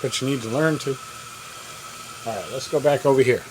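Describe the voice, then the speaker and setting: A man's voice: mid-range voice, moderate pace. A man chatting folksy and casual while frying fish in a camper kitchen, sometimes talking with his mouth full. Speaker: cooking vlogger. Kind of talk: casual cooking vlog. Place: camper kitchen with propane cooker. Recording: noisy home video with frying sounds. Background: boiling water and frying.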